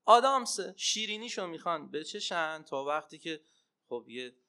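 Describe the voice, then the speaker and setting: A man preaching a religious sermon and telling stories, swinging between loud emphatic cries and hushed asides. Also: fairly high pitch, big pitch swings, clear, resonant tone. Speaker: preacher and Arabic teacher.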